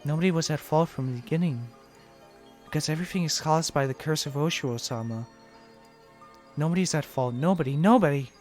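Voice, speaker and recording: A man's voice: a little high, fairly quick, a little mellow, soft background music, lightly acted. A man reading a visual novel aloud, voicing a teenage girl sliding into curse-driven madness with frantic repeated pleading. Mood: eerie calm. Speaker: let's play reader voicing all parts.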